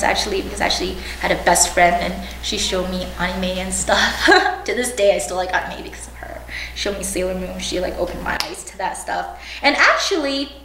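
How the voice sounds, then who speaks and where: Speaking at a mid-range pitch with a fairly bright tone, a young woman from China and the United States reminisces casually and hedges a lot as an interviewee. It's an oral history recording, picked up by a distant mic in a roomy space with faint noise behind her.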